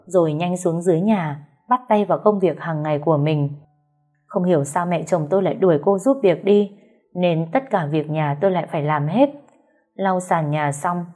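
A woman tells a first-person story in a calm, measured, sorrowful voice. Her voice sits low. Soft music runs faintly underneath. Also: slightly rough. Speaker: narrator. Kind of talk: storytelling narration.

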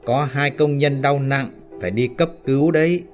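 A man's voice: medium pitch, normal speed, faint music behind, natural voice. A man voicing a level-headed male foreman who brushes off talk of ghosts. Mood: skeptical. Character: calm, skeptical male foreman.

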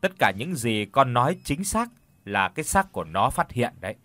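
A man voicing a worried middle-aged village father who speaks low and gravely. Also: big pitch swings, normal speed, bright, forceful tone, no echo.

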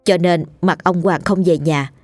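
A woman reads a ghost story aloud in a steady, measured way. Her voice sits on the lower side, and soft music runs faintly beneath her. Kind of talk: scripted ghost story narration.

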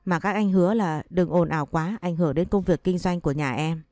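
A woman's voice: on the low side, brisk, no room sound, clean studio sound, soft background music, natural voice. Woman voicing a timid young motel clerk. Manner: hushed, deferential.

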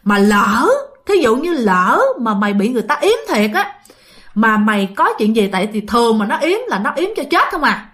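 A woman's voice: a little high, animated, brisk, pushed and bright. A woman voicing a blunt, superstitious friend who urges and hurries. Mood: urgent.

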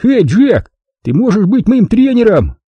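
A man's voice: high voice, big pitch swings, moderate pace, slightly rough, no echo, muffled recording, voice pushed up, heavily acted. A man doing a cocky, mocking boy. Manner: boastful, teasing.

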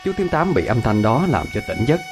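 A man narrating a ghost story in an expressive, dramatic storytelling voice. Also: mid-range voice, a little fast, music in the background.

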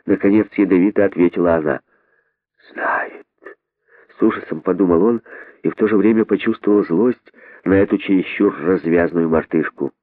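A man narrating an audiobook in a lively storytelling manner. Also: low-pitched, fairly quick, dry recording. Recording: narrow phone-like band, dry.

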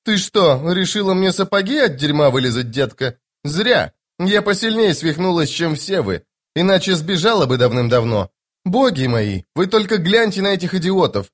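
A man voicing a sharp-tongued, tough female corporal in an audiobook, scolding and sarcastic. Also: sits high, sing-song, moderate pace, voice pushed up. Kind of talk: audiobook character voice.

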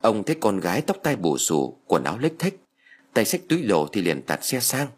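A man narrating an audiobook story with expressive storytelling. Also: fairly low pitch, moderate pace, husky.

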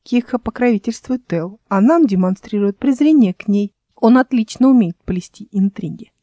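A woman's voice: mid-range voice, animated, normal speed, mellow, no room sound, close to an everyday voice. A woman voicing a scornful, scheming immortal young woman in a fantasy audiobook, in a mocking tone.

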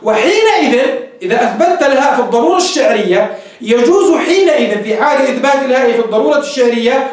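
High-voiced sheikh teaching grammar. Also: male voice, animated, quick pace. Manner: explains step by step, asks the class questions and answers them. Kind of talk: classroom grammar lesson. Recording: very echoey room, mic far off.

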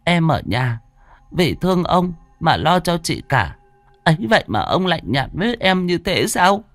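A man voicing a scheming, foul-mouthed young second wife, raising his voice high and fast. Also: sing-song, fairly bright tone, no echo, faint music behind. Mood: sulky. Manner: sugary then screeching curses.

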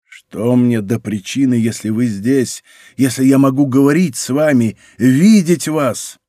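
A man's voice: medium pitch, a little slow, mellow, no room sound, clean studio sound, close to an everyday voice. A man reading a lovesick nobleman minister in an audiobook, pleading and impassioned.

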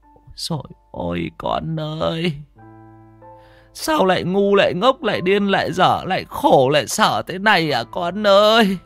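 Brief: man putting on a scolding old grandmother for a ghost story, raised, fretful voice over soft music. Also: sits high, creaky, voice pushed up, heavily acted. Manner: fretful, scolding, rapid questions. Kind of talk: storytelling narration.

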